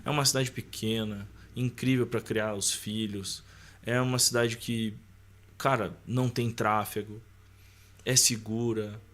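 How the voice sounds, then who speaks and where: A podcast guest in his thirties with a Brazilian accent shares personal stories, speaking a little slowly in a lowish, a bit bright voice with fairly even intonation. His talk is colloquial and slangy, peppered with short tags seeking agreement.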